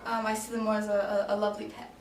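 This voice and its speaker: The late-twenties Danish woman races through her answers at medium pitch with a flat delivery in a casual, improvised mock job interview. Ums and restarts show her hesitancy, and the recording has echo, a far-off mic, and faint noise.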